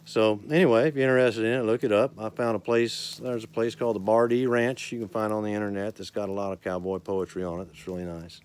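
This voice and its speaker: Smooth, low-voiced cowboy storyteller man. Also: steady tone, darkish tone. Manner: folksy, unhurried storyteller. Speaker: cowboy poet and author. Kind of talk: cowboy poetry recital and casual folksy talk.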